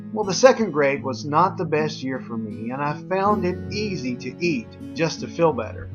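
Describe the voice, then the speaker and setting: A man's voice: on the high side, muffled recording. A man presenting a scripted infomercial as a wellness coach, speaking directly to viewers in an earnest, folksy way with a personal testimonial tone.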